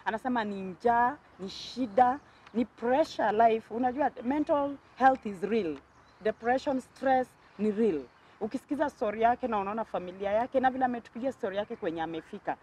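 A woman's voice: a little high, fairly quick, a little mellow, slight background noise, rough recording. A woman from Kenya with a Kenyan accent, hosting a talk show and addressing viewers in an emphatic, earnest way. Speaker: host.

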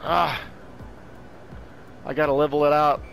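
A man's voice: fairly high pitch, level tone, a little slow, creaky, rough recording. A man casually commenting on a game as he plays, blunt and sweary, muttering asides to himself. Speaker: gamer playing and commenting. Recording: voice under loud game music and engine noise. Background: game music, jet engines and combat sounds.

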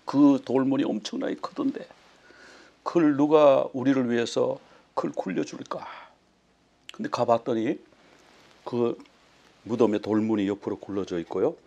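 Man, pastor, sermon, gravelly, storytelling, rhetorical questions. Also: medium pitch, moderate pace, long pauses, warm tone, muffled recording. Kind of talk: sermon teaching on a Passover meal.

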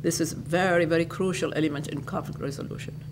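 Older lady from iraq in an empty lecture hall, measured steady talk, noisy hum behind. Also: low voice. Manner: measured, repeats and restates phrases. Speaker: interviewee, educator and public speaker. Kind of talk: reflective interview answers.

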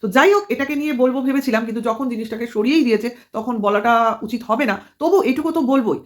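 Lady vlogger ranting at someone, high-pitched, lots of sarcastic questions. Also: quick pace. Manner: scolding and mocking, addresses rival as tui; rhetorical questions, emphatic. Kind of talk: commentary vlog.

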